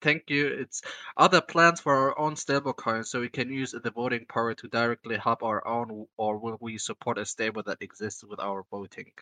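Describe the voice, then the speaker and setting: Bright-voiced man hosting a crypto AMA. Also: mid-range voice, fairly even intonation, moderate pace, no echo, rough recording. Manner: reads out questions, thanks the community. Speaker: AMA host.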